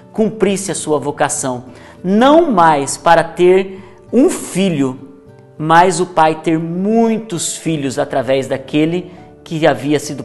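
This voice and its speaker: A man with a Brazilian Portuguese accent, a church leader preaching earnestly and declaring a promise over the listener. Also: on the high side. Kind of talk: sermon.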